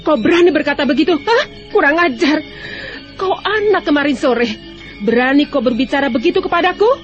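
Shrieking, furious older palace maidservant, very high-pitched. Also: female voice, animated, fairly quick. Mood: enraged. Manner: shrieking, snarling threats. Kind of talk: melodramatic radio drama acting. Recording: muffled radio drama, loud music, clamour behind.

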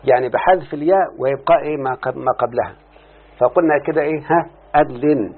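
This grammar teacher, a man with an Egyptian Arabic accent, talks at a quick pace in a medium-pitched voice with a breathy edge. He stretches key words and asks students again and again to confirm each step. It's captured in phone-like lo-fi quality.

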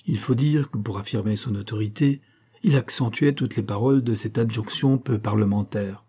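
A man reading a classic novel aloud in steady, deliberate narration. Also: on the low side, husky. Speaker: audiobook narrator. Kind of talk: scripted literary narration.

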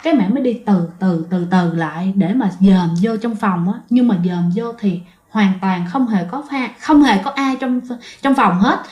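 A woman's voice: medium pitch, normal speed, hardly any pauses, a little mellow, reverberant, highs cut off. A woman with a Southern Vietnamese accent telling a ghost story in a chatty, casual way, often talking straight to her listeners.

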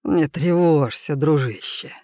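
A man's voice: fairly high pitch, lively intonation, moderate pace, darkish tone, no echo, clean studio sound. A man reading as a stern, blunt wolf. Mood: conspiratorial. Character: stern, loyal grown wolf, gruff and blunt.

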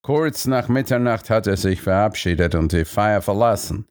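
A man voicing a smooth, evasive male diplomat who answers in a calm, measured way. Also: on the low side, close to an everyday voice.

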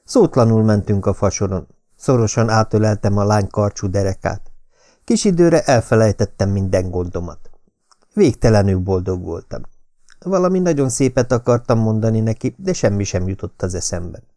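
Low, dark-voiced male narrator. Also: animated, dry recording, clean studio sound. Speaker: audiobook reader. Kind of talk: scripted narration.

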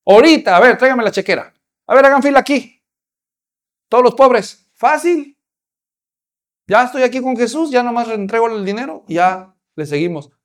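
A man's voice: very high voice, expressive, moderate pace, long pauses, voice pushed up. A man voicing an eager rich man who boasts gleefully that giving his money away is easy.

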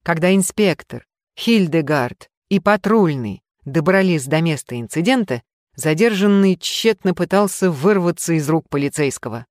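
Measured audiobook narrator, dry sound. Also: mid-range voice, animated, darkish tone, no echo.

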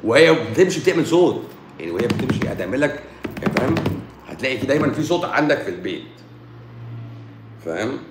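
A man's voice: mid-range voice, fast, pauses often, roomy sound, heavy background noise. A man with an Egyptian accent, a doctor giving a casual, joking talk on health in colloquial speech. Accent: Egyptian Arabic. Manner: joking, colloquial, animated explaining.

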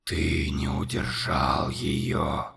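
A man voicing a huge, relentless monster in an audiobook, speaking in a low, slow, menacing whisper. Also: level tone, creaky, a bit bright, breathy edge, in a large hall, full character voice.

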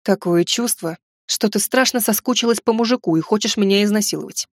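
A woman's voice: mid-range voice, fairly quick, no echo, natural voice. A teasing, commanding grown man from an audiobook, as a female narrator puts him on. He mocks in a dry, bossy way. The sound is close and dead, with no room at all. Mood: mocking. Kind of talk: audiobook character voice.

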